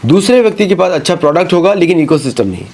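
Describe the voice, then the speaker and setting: Emphatic man with a high voice. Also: lively intonation, racing, darkish tone. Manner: emphatic, mixes Hindi with English phrases. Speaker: commentator on current affairs. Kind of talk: talk-show commentary.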